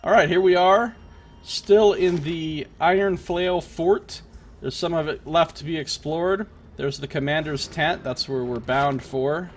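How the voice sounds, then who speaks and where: A man's voice: fairly high pitch, a little slow. A man streaming a video game with casual live commentary and wry asides.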